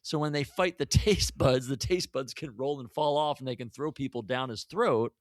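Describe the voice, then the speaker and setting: Guy on a podcast, mid pitch, dry close sound, laughs a lot and gets animated. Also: normal speed, dry recording. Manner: animated, laughs often, acts out quoted lines. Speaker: podcast co-host. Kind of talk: casual retrospective chat.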